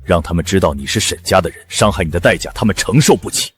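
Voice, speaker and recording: An actor playing a calm, protective man from a wealthy family who speaks firmly. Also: deep voice, fast, faint music behind. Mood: reassuring.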